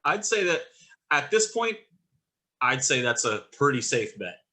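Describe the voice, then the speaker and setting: Male co-host, mid-range pitch, casual and blunt, exasperated tone. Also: sing-song, unhurried, sharp tone. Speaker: podcast co-host. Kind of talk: casual chat about wrestling.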